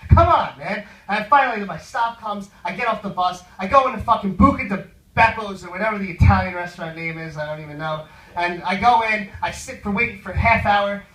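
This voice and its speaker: Profane, bright-voiced male storyteller. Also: sits high, a little fast, echoey room, far from the mic, rough recording. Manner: profane, rambling, full of fillers. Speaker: stand-up comedian. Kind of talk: stand-up storytelling.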